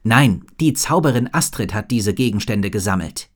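A man's voice: on the low side, lively intonation, moderate pace. A man voicing a determined young dragon master girl.

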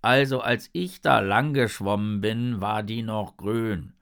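A big old sea turtle grumbles slowly in a low voice, as a man puts it on for a children's storybook. There is a gravelly edge to its voice. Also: fairly bright tone, full character voice. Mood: sulky. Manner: grumbling, slow.

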